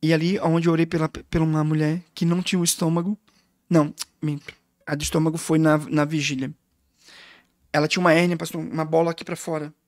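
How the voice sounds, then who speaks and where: A man's voice: fairly high pitch, flat delivery, fast talker, no room sound, clean studio sound. A man who is a guest pastor, telling a personal testimony in a podcast interview with fervent, emotional storytelling.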